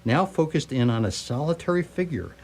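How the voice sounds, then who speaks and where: Over heavy background noise, a man with a higher voice reads scripted story narration a little fast, his pitch swinging widely. He's performing live radio theatre with a wry, literary storytelling manner.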